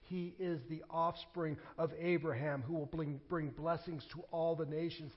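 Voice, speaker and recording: A pastor preaching a sermon, moving between quiet scripture reading and loud emphatic declarations. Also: male voice, on the high side, steady tone, normal speed, breathy edge, highs cut off.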